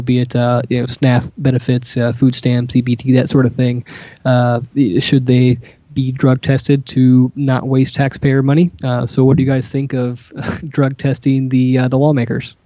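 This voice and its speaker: A man co-hosting a casual panel discussion, talking haltingly with many fillers and restarts. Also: medium pitch, mellow, no room sound. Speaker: co-host. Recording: dull lo-fi sound.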